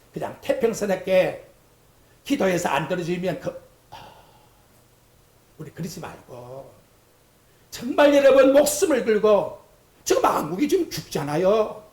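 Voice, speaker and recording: A fervent preacher delivers a sermon in a church sanctuary, breaking into acted-out prayers and quotes. The pitch swings widely from low murmurs to high cries, and the hall's echo hangs around every phrase. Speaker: pastor. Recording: echoey church hall.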